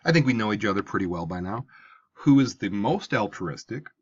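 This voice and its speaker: A man's voice: on the low side, animated, a little fast, husky, lo-fi sound. A male teacher giving a conversational lecture to his class, explaining ideas step by step. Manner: explanatory, conversational, asks for an open mind.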